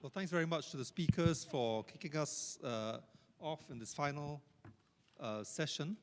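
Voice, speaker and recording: A man's voice: on the high side, normal speed, clean tone. A man chairing a conference Q&A who speaks in a hesitant way, with many fillers. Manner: hesitant, filler-heavy phrasing. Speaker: moderator. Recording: reverberant conference hall.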